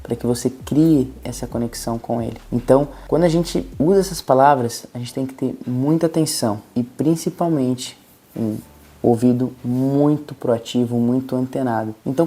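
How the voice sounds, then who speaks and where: Mellow-voiced Brazilian man coaching. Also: mid-range voice, moderate pace. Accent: Brazilian Portuguese. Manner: patient, encouraging, explains step by step. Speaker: communication coach. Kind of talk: instructional talk to camera.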